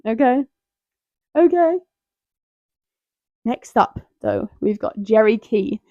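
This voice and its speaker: This young female tier list host chats playfully and interrupts herself in casual, rambling commentary. Her fairly high voice is animated but slow-paced, captured in a close, dry lo-fi recording.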